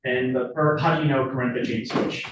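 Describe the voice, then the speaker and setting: A man speaking as a prosecutor, formally questioning in court with halting, rephrased wording. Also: medium pitch, fairly even intonation, lo-fi sound. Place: indoor courtroom. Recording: very echoey courtroom, distant mic, clear noise.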